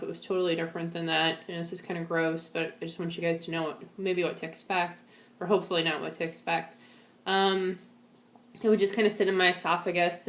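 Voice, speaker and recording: Speaking to camera from home, a woman gives a post-surgery update in a casual personal video diary, sounding frail, unsteady and somewhat dazed. Her voice is lowish and a bit bright, and the room echoes.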